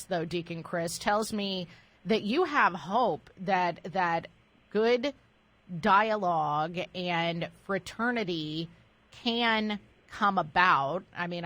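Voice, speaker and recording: A woman's voice: on the low side, fairly bright tone. A woman hosting a radio interview, asking thoughtful questions and closing with an announcement. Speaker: radio host.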